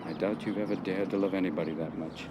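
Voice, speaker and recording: A grieving middle-aged therapist, played by a man, speaks low and level, quiet and intense. The film audio carries clear street and traffic noise behind him. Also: steady tone, natural voice. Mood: grave. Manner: quiet, intense, measured speech. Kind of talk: dramatic film monologue.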